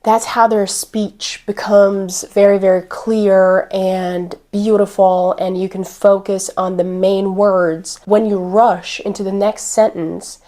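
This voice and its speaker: Deliberate-speaking woman coach. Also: medium pitch, little pitch movement, dark tone. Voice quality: deliberate, clear pacing with pauses. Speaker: accent coach. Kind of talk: instructional talk to camera.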